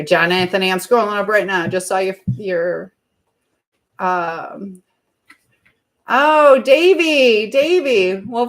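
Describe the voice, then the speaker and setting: While cooking at home, a live streamer talks loosely to her viewers, scattered and skipping from task to task and comment to comment. Her voice is medium in pitch with a fairly bright tone. The phone mic drifts nearer and farther, capturing an echoey kitchen and faint background noise.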